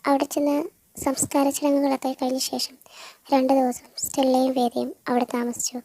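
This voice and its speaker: A woman narrating a fan story in a plain, steady way. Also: sits high, moderate pace, rough recording.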